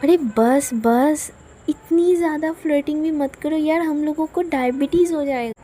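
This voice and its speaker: Woman reading teasing bossy young cousin, mocking tone, mellow voice, fairly high. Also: unhurried, a little hiss or hum. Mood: scolding.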